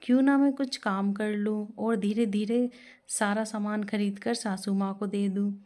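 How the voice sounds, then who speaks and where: A woman voicing a gentle, patient young bride who speaks softly and kindly. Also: medium pitch, steady tone, measured pace, natural voice.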